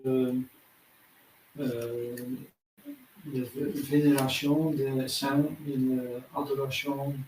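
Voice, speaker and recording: Hesitant male questioner, slow and flat, heard from far off with faint background noise. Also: medium pitch, reverberant. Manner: hesitant, searching for words. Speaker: audience member asking questions.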